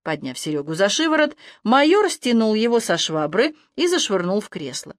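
A woman narrates an audiobook in a steady, measured voice of middle pitch. The recording is dry and close, with no room sound. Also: no echo. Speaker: audiobook reader.

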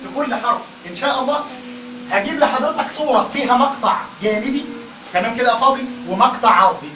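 A man with an Egyptian Arabic accent teaching Quran recitation in a classroom lecture, animated and calling on the class to answer. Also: very high voice, fast talker, echoey room, recorded from a distance, slight background noise, poor audio.

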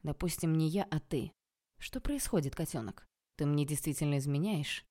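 A woman's voice: sits low, moderate pace, mellow. A woman voicing a smug, condescending man who speaks in a lazy, drawling way. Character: smug, mocking male ruler posing as a boyfriend.

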